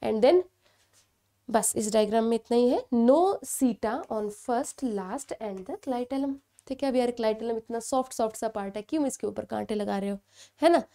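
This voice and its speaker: Higher-pitched woman teaching biology. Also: mellow. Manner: explains step by step with frequent "ठीक है" checks and questions to students. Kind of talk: exam-prep lecture.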